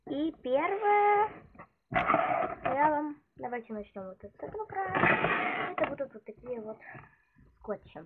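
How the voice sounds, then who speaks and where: Speaking slowly with frequent pauses, a woman with a high, animated voice shows her stationery during a casual show-and-tell at her indoor desk, hands on the table. Being ill affects how she sounds, and she's chatty yet hesitant, leaning on fillers. Loud noise fills the tinny, phone-like audio.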